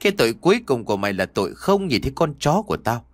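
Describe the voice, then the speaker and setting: A man's voice: medium pitch, big pitch swings, fast, dry recording. A man voicing a cruel, vindictive older landlord in an audio story, menacing and sneering. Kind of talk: audiobook character voice.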